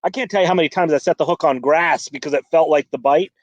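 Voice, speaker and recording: A man's voice: fairly high pitch, fast talker, no room sound. A man chatting casually on a fishing podcast, rambling with many restarts and fillers. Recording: dull lo-fi dry sound.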